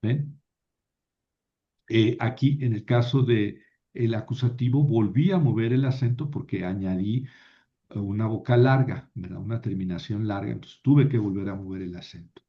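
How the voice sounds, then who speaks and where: A man teaching a Biblical Greek class, explaining patiently and often checking with his students. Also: lowish voice. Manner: slow, patient explaining with frequent "¿verdad?" checks. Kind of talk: classroom lecture. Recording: dull lo-fi classroom recording.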